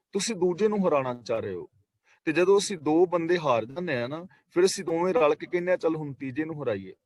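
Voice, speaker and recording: A man with a voice on the high side teaches a scripture class over an online meeting call, explaining verses line by line using parables and repetition. There's no echo.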